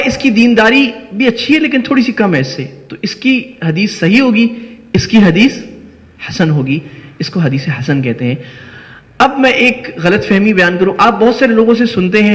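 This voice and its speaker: A man's voice: high voice, fairly bright tone. A man with a Pakistani Urdu accent, an Islamic scholar giving a lecture who explains step by step and asks and answers his own questions. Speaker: Islamic scholar teaching hadith studies. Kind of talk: classroom lecture. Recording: long hall reverb.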